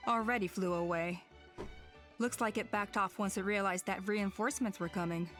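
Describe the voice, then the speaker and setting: Composed female game elder, acted by a woman, reassuring, mid-pitched, faint background music. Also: fairly even intonation, normal speed, fairly bright tone, close to an everyday voice. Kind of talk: scripted game character acting.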